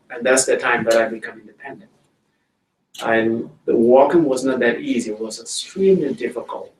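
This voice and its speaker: A middle-aged man from South Sudan, speaking English with a South Sudanese accent, giving a plain, slow storytelling talk to schoolchildren in a school library. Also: mid-range voice, slight background noise. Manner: plain, slow-paced storytelling, addressing children directly. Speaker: guest speaker. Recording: roomy hall audio from a distance.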